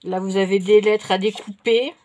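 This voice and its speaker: A woman in middle age, her voice sitting at a medium pitch, talks through a shopping haul of paper and stickers. She is chatty and relaxed, trailing off and correcting herself as she goes. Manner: chatty and unhurried, many fillers and self-corrections. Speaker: vlogger showing craft purchases. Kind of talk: casual show-and-tell haul.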